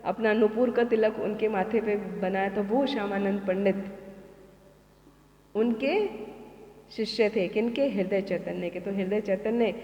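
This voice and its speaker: A woman's voice: medium pitch, a little slow, highs cut off. Woman storyteller in an echoey hall. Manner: asks rhetorical questions and answers them, with a lively storytelling lilt. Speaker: scripture teacher telling devotional stories. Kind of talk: devotional storytelling discourse. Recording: echoey hall with long reverb.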